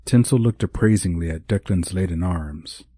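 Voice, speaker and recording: A man narrating a romantic comedy audiobook in a measured, even reading. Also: low voice, husky, no room sound, studio quality.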